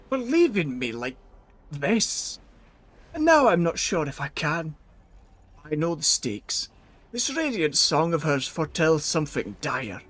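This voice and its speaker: A man's voice: fairly high pitch, a bit bright, exaggerated voice. A man reading game dialogue aloud on stream, voicing a bitter, weary male dwarf king.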